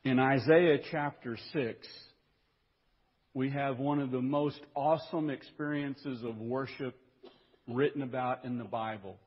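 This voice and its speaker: Slow, measured man preaching in a church. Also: medium pitch, steady tone. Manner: builds from measured reading to raised, emphatic preaching. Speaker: pastor. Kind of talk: sermon. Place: church sanctuary. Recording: dull lo-fi recording in a reverberant church.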